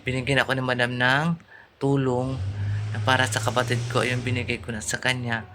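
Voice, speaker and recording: A man's voice: medium pitch, completely flat delivery, fairly quick, pushed and bright, a little hiss or hum. A man vlogging, telling a painful family story through grief, repeating himself and talking straight to his viewers. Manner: grieving, repeats himself, often addresses viewers as guys. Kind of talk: emotional personal storytelling vlog.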